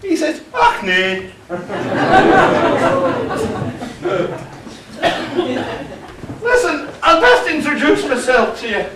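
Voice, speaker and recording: Panto dame, played by a man: shrill, swooping, put-on Scottish, brash and cheeky, echoey hall from afar with a noisy crowd. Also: wildly swooping pitch, extremely slow, long pauses, heavily acted. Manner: brash, teasing, banters with the audience. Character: bossy, cheeky pantomime dame cook, middle-aged woman. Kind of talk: amateur pantomime stage acting. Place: village hall stage with live audience. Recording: echoey hall, far mic, audience noise.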